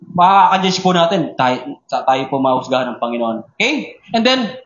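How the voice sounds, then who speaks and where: A man preaching a sermon as pastor, animated and often asking the congregation questions. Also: fairly high pitch, normal speed. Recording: echoey room, dull lo-fi sound.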